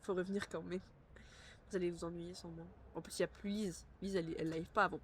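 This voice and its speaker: A woman's voice: fairly low pitch, fairly even intonation, quick pace, background noise. A woman streaming a game live, chatting casually with her viewers and breaking into playful bursts of panic. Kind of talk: casual live-stream chat while gaming.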